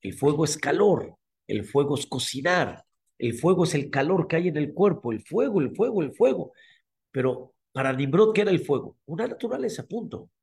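A male rabbi with a Mexican Spanish accent delivers a sermon in an emphatic, storytelling way. His voice sits a little on the high side, and he drives points home by repeating key words, pausing now and then to clear his throat. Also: big pitch swings, a little mellow.

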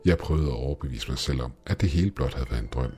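A man narrating a scripted horror story in a measured, dramatic way. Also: extremely low pitch, a little mellow. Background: faint music.

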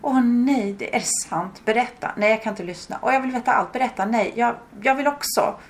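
A woman voicing an excitable, effusive fashion-loving woman in her late fifties who used to be a model. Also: on the high side, a little hiss or hum, voice pushed up, natural voice. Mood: gushing. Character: gushing fashion-loving woman near sixty, former model.

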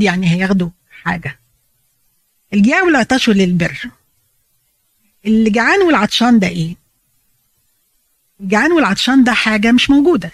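Fast-talking Egyptian woman teaching the Bible. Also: medium pitch, dry recording. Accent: Egyptian Arabic. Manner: explains in a chatty way, mixing in English phrases.

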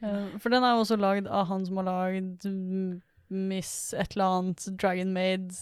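Deadpan young woman, mock-serious. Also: medium pitch, clear, resonant tone, dry recording, studio quality. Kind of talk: joking casual chat.

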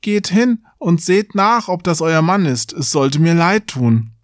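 A man playing a fearless, simple youngest son from a fairy tale, his voice lifted a bit higher. He speaks earnestly and plainly, in a dry, close recording. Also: lively intonation, unhurried, no room sound. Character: naive, fearless young man wanting to learn fear.

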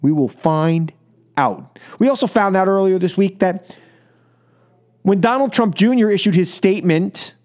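Here an American man hosts political radio, giving opinion monologues and speaking with callers. His voice sits high and has a darkish tone; he sounds animated and a little slow, emphatic and exasperated, repeating phrases and posing rhetorical questions.

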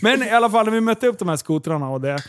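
High-voiced man telling an animated story. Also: slight background noise. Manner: animated, swearing, acts out dialogue with laughs. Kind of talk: casual storytelling chat.

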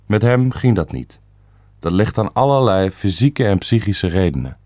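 A man's voice: on the low side, very animated, normal speed, darkish tone, dry recording, clean studio sound. A man reading the part of a stern, self-assured elderly great-uncle who speaks bluntly and matter-of-factly.

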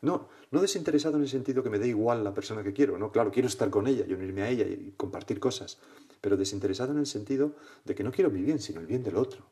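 Spanish priest guy doing a prayer meditation, lowish warm voice, thoughtful and chatty. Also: fast. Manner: reflective, conversational, with frequent questioning tags.

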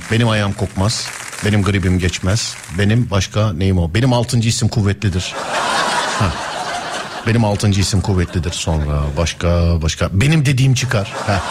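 A man's voice: mid-range voice, noisy background. A man hosting a live radio call-in show, teasing callers and laughing often.

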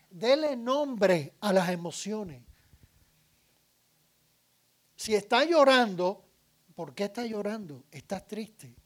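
A man giving a public talk on parenting, asking the audience questions and listing points one by one. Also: high voice. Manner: deliberate, lists items one by one; asks the audience questions and answers them. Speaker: speaker addressing an audience.

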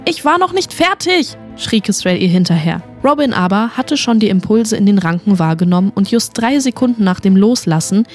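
A woman narrating a fantasy story in an expressive audiobook reading. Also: mid-range voice.

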